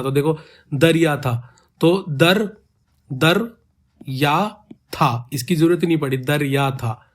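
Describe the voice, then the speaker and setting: A man teaching ghazal meter, counting syllables aloud and stretching the words slowly when he recites verse lines. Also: a little high. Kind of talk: explaining poetic meter.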